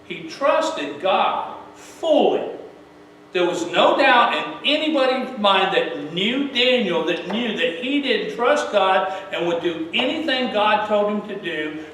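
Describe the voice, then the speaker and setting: High-voiced folksy preacher in echoey church. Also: male voice, animated, slow, fairly bright tone. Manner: folksy, asks rhetorical questions. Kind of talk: sermon. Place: church sanctuary. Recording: very echoey church, mic far off, faint hum.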